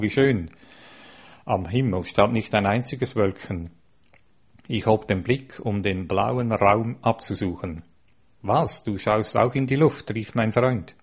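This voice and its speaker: Man, low voice, earnest steady reading, religious account, muffled lo-fi sound. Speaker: narrator. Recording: dull lo-fi recording.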